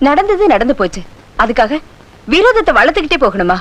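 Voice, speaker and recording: A middle-aged woman playing a mother who scolds and pleads quickly in a film scene. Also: high-pitched, big pitch swings. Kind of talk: Tamil film dialogue. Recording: film soundtrack with loud music behind. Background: film score music.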